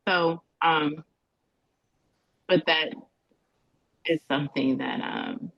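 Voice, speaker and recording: A woman testifying as a parent in a custody hearing over a video call, talking haltingly and restarting her sentences as she searches for words. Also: low-pitched, gravelly, dry recording. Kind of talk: court testimony. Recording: dull, dry video-call audio.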